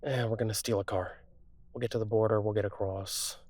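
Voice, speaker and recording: A man playing a streetwise, wry car thief on the run in a conversational audio role-play, talking casually with thoughtful pauses. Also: on the low side, fairly even intonation, a little mellow, no echo, close to an everyday voice. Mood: resolved.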